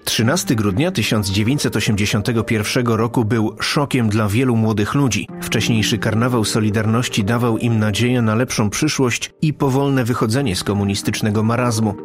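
A man delivering scripted narration for a radio history documentary. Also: fairly low pitch. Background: music.

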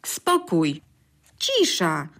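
A woman voicing a kindly older male head cook of the elves, slow and hesitant, in a storybook reading. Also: fairly low pitch, huge pitch swings, a bit bright, full character voice. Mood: concerned.

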